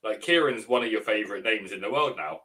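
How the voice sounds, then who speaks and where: Animated, bright-voiced man trading banter. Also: lowish voice, quick pace. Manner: teasing, wry. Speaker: podcast co-host. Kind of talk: casual banter.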